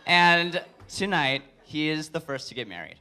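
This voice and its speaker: A young adult man giving a wedding toast as best man, joking with deliberate comic pauses. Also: on the high side, very animated, bright, forceful tone, slight background noise. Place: live speech at a wedding reception.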